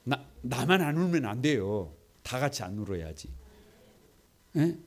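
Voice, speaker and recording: A man's voice: medium pitch, big pitch swings, measured pace. A middle-aged man preaching a Korean midweek Bible sermon, leading the congregation in repeating lines and asking rhetorical questions. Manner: call-and-response preaching, asks the congregation to repeat; conversational and emphatic, often rhetorical questions. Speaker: pastor.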